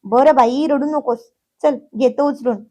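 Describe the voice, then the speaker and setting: A woman's voice: high-pitched, measured pace, mellow, muffled recording. A woman voicing an exasperated young man who scolds and teases, still patient underneath. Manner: scolding, teasing.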